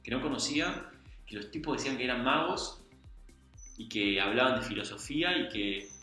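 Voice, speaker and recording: A man's voice: mid-range voice, fairly bright tone. A young man with an Argentine accent telling a personal story in an earnest, confiding, colloquial way. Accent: Argentine Spanish. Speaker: guest. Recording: very echoey room, faint music.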